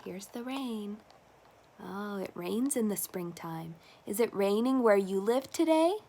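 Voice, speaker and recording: A woman reading a picture book aloud to toddlers, animated and coaxing, with simple questions and playful sounds. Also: medium pitch, measured pace, slight background noise. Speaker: storyteller reading a picture book to young children.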